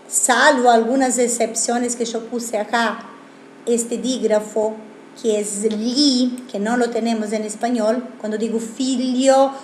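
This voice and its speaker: A woman's voice: on the high side, darkish tone, a little hiss or hum. A woman teaching a language lesson, asking rhetorical questions and explaining with examples. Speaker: Italian teacher. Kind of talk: video lesson. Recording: echoey room.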